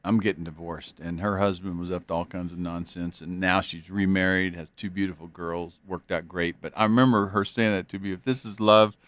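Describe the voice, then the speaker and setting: A man's voice: sits low, steady tone, fairly quick, few pauses, a bit bright, no echo. A man hosting an interview on faith, talking earnestly and rambling with many fillers. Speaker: interview host.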